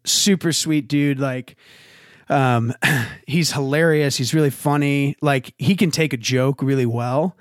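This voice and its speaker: A young man telling a funny family story in a casual chat, animated, laughing often, with many fillers. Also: mid-range voice, a little slow, no echo, studio quality. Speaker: podcast guest telling a story.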